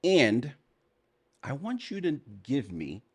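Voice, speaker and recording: A middle-aged man co-hosting a casual chat show, playful and quick to laugh. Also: mid-range voice, slightly rough. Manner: playful, animated, laughs often. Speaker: co-host.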